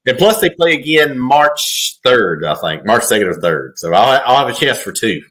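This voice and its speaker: A man's voice: mid-range voice, sing-song, normal speed, a bit bright. A man co-hosting a fishing podcast, telling stories in an easygoing, casual way and laughing along.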